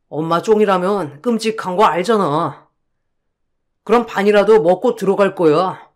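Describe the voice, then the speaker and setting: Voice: mid-range voice, close to an everyday voice. A voice actor playing a tired defensive husband. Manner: complaining, defensive. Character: irritable young husband, torn and tired. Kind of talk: radio drama acting.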